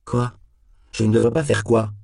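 A man voicing a nervous, defensive suspect who stammers and bursts out in shrill panic in an audiobook. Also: normal speed, gravelly, a little mellow, no echo, studio quality. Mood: indignant. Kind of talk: audiobook character voice.

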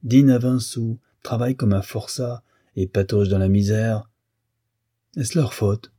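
A man reading aloud voices a bitter, sarcastic young lawyer reproaching a friend, in a dark, husky voice. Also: on the low side, fairly even intonation, a little slow, no echo, studio quality.

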